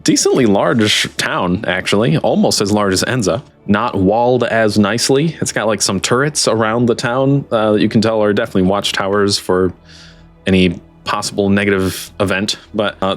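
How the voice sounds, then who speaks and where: A man's voice: fairly low pitch, brisk, faint music behind. A man working as game master, improvising tabletop game narration in an informal, chatty way.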